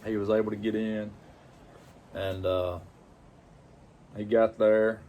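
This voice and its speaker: A man talks in a fairly low voice, with some background noise around him. He tells a personal story casually, plain-spoken and halting, pausing to reflect as he goes. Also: little pitch movement, highs cut off. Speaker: pipe-smoking vlogger.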